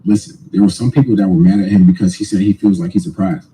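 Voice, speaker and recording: A man's voice: deep voice, steady tone, fast, mellow, low-quality recording. A man giving casual commentary straight to viewers, slangy and emphatic, swearing and repeating his points. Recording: faint background noise.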